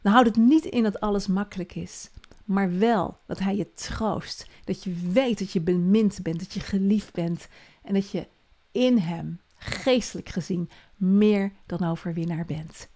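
A woman speaks straight to the listener on a devotional podcast. She is earnest and encouraging, and her voice sits at a middle pitch. She often sinks to a soft hush. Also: moderate pace.

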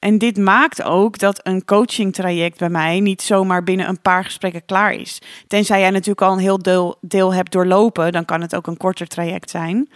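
A woman hosting a solo podcast as a coach, talking in a calm, reflective and encouraging way with the odd filler sound. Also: mid-range voice, normal speed, few pauses, no echo, clean studio sound.

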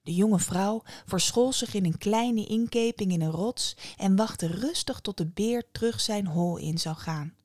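A woman narrating a fairy tale for her podcast, calm and measured. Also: mid-range voice, dry recording, clean studio sound. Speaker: podcast storyteller. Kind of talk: storytelling narration.

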